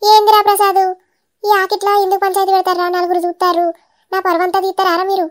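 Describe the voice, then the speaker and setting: A woman voicing a fussing cartoon mother with a Telangana Telugu accent, anxious about the family's honor. The voice is extremely high and fretful. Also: monotone, fast talker. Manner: nagging, fretful.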